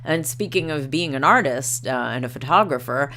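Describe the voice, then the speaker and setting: Very deep yet bright, her voice carries a forceful, expressive tone at a moderate pace. She hosts a livestream, reading articles and quotes aloud amid casual chat and a hesitant stream of ums and uhs. Her first language isn't Norwegian, and slight background noise is present.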